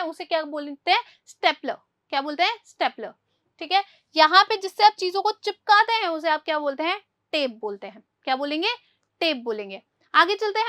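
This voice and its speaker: A woman teaching a vocabulary lesson. She asks a question, answers it, and has each word repeated, lifting her voice on each new word and dropping soft on the answers. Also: extremely high pitch.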